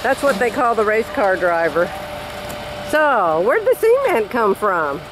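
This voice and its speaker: This older vlogger chats her way through a casual video shot outdoors at a construction site, exclaiming a lot and laughing. She speaks at a measured pace in a fairly high, sing-song voice, captured by a noisy outdoor camera mic.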